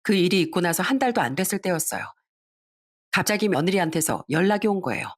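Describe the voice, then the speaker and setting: Older woman, scripted story narration, confiding, lowish voice. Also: animated, fast talker.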